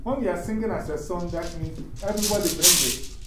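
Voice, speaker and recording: A man with a Ghanaian accent teaching a call-and-response song, patient and quick to laugh. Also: high-pitched. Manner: laughs often, patient explaining. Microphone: far from the mic. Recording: echoey room, from far off, noisy.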